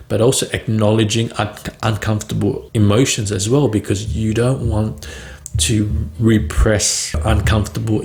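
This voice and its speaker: In his free-flowing vlog on stuttering, a man with a lowish, creaky, slightly mellow voice speaks casually. Blocks and repeated words punctuate his talk, along with frequent "um"s and "right?" tags.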